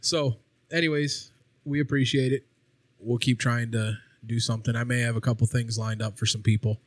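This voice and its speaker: A man's voice: medium pitch, steady tone, moderate pace, no echo. A man co-hosting a podcast, chatting casually over drinks and swearing freely. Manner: laid-back, swears freely. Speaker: podcast co-host.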